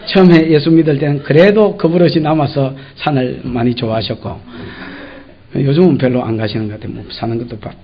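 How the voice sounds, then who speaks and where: A man's voice: medium pitch, fairly quick. A man preaching an expository sermon as a pastor, in a folksy, joking way with a Gyeongsang accent, acting out the dialogue. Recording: dull lo-fi church recording.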